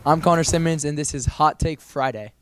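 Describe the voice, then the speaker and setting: A teenage boy anchors a school morning show, putting casual, upbeat questions to students in quick, chatty interviews. His voice is a little high, a bit bright, and clean in tone.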